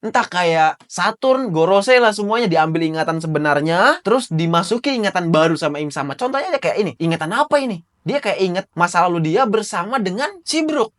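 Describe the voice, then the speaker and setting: A young man casually reviewing a comic chapter, animated and slangy, with exasperated asides. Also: high-pitched, a little fast, few pauses. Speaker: comic recap host.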